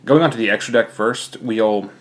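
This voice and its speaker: A man's voice: fairly low pitch, normal speed. A young man, slightly out of breath, casually talking through his card deck with lots of fillers. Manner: rambling, many fillers. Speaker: card game player.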